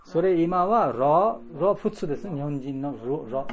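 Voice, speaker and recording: A man leads a live pronunciation lesson for a room of learners. His voice sits a little high, and he talks haltingly, repeating words, restarting phrases and sounding letters out for the group to copy. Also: expressive, highs cut off, crowd noise. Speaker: pronunciation teacher.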